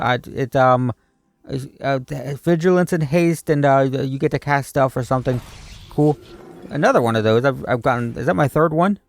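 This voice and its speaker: A man's voice: medium pitch, dry recording. Rambling man in a dry, close recording. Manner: rambling, hesitant, musing aloud. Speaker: video creator opening card packs. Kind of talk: casual off-the-cuff gaming commentary.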